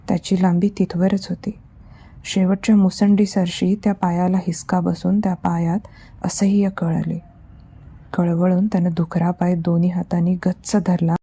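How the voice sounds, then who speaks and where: A woman storyteller reading a horror story in a slow, hushed, suspenseful way. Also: fairly low pitch, slightly rough. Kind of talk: scripted horror narration.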